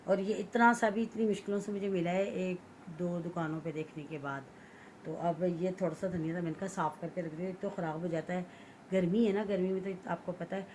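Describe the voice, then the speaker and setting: A woman's voice: on the low side, fairly even intonation, brisk, a little mellow, slight background noise. A woman from Pakistan vlogging in her home kitchen, chatting to viewers while she cleans and cuts vegetables, often telling them to look. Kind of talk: casual chat to viewers while cooking.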